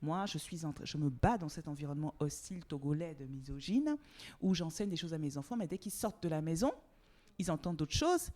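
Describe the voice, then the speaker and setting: A woman from Togo speaks as a podcast guest in a frank conversational interview. Her voice sits a little low, and she talks with animated emphasis, stacking repeated words. She drops casual swear words as she goes. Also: fairly quick.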